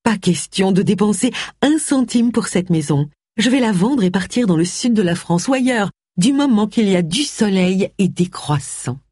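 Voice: mid-range voice, expressive, normal speed, warm tone, slightly rough, no echo, voice pushed up. A reader voicing a theatrical, gushing heiress near sixty from a storybook, with a dry, close sound. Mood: wry. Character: Cassandra, eccentric heiress near sixty, woman.

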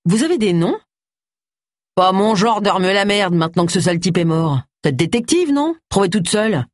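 Narrator putting on a surly big blacksmith, pushed up high and loud, contemptuous, dry close audiobook sound. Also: very animated, a little fast, no echo, lightly acted. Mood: hostile. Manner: coarse, snapping, contemptuous. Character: gruff hulking village blacksmith man, hostile. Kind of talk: audiobook character voice.

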